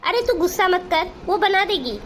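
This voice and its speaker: A woman's voice: very high-pitched, expressive, normal speed, slight background noise. A woman voicing an indulgent middle-aged mother in a Hindi cartoon, coaxing and placating. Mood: insistent.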